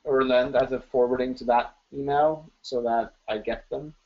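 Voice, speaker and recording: A webinar host fields questions in a live Q&A, sounding chatty and enthusiastic with plenty of ums and restarts. His mid-range voice is steady at a moderate pace, and the webinar audio is dull and lo-fi.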